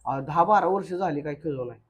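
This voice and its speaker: A young man with a voice on the high side, talking a little fast, hosts a casual family vlog from a room at home. He banters jokingly with his wife.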